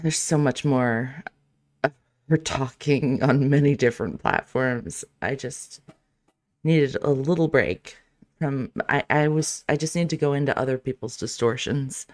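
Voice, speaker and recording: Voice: medium pitch, a little slow, darkish tone. Sarcastic commentary show host. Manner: mocking, sarcastic, swears. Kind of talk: casual sarcastic reaction commentary.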